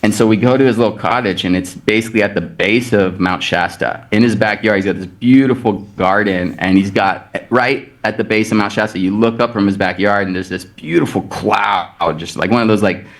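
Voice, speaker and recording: A man with a low voice talks over a video call as a guest on a podcast. He tells a long personal story with energy, acting out each quoted exchange as he goes. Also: a little fast, hardly any pauses. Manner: animated retelling with many quoted exchanges. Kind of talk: anecdotal storytelling in casual chat.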